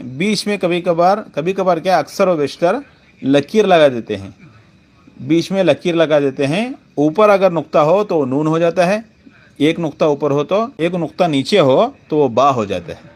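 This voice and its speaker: A man teaching the sounds of letters in a reading lesson, saying each one slowly and contrasting thin and heavy sounds. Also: fairly high pitch.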